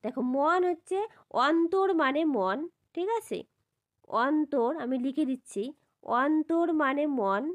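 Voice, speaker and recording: A woman teacher explaining a grammar lesson step by step. She spells out syllables slowly and keeps asking whether her students follow. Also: high voice, lively intonation. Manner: repeats a checking question at the end of each point.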